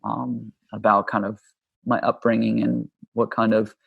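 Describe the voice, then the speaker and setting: A man from Hawaii speaks in a low, gravelly voice that barely rises or falls. He talks about his life in a relaxed, unhurried way, dotted with ums. The sound is close and dry, with no room around it. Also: dry recording, narrow, tinny audio. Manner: easygoing, many ums, unhurried. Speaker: podcast guest, yoga teacher and author. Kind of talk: relaxed conversational storytelling.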